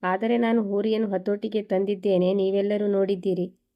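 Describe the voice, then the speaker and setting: A woman's voice: medium pitch, flat delivery, fairly quick, lo-fi sound, natural voice. A woman reading the lines of a poor teenage boy who pleads with pain in his words. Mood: pleading. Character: poor fourteen-year-old boy, desperate.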